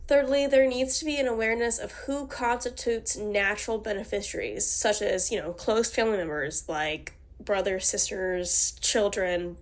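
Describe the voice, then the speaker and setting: Reading formal text aloud for a class presentation, a woman whose cold makes her sound slightly nasal stumbles a little and restarts at times. Her pitch is medium, her speed normal, and she pauses only rarely.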